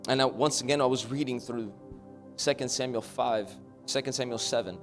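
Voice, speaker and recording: A pastor preaching a sermon, saying each line in both English and Spanish, sometimes stumbling and repeating words. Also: male voice, mid-range voice, faint music behind. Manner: preaching loudly in the opening, then quiet and halting as he tells a personal story; hesitant, repeats words as he searches for them.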